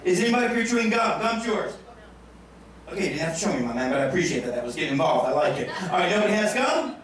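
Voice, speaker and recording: Talking very fast with big swings in pitch, this high, slightly bright-voiced man performs as a stage hypnotist, trading crude, brash jokes with volunteers in front of an audience. The captured sound comes from afar in a very echoey hall, with a little hiss or hum.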